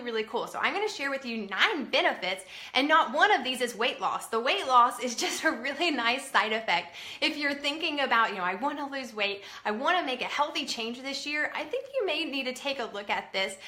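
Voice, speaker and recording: A woman's voice: high voice, animated, fairly quick, bright, forceful tone, roomy sound. A woman in her thirties chatting casually and upbeat to her viewers from home, with many fillers. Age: 30s. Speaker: vlogger. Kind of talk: casual chat to camera. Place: at home indoors.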